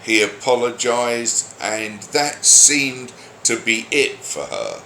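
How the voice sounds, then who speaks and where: Speaking slowly but with a bright, forceful edge, this medium-pitched man vents his opinions off the cuff. He's a cranky online pundit, cursing and fed up, ranting alone. Faint background noise sits under a roomy echo.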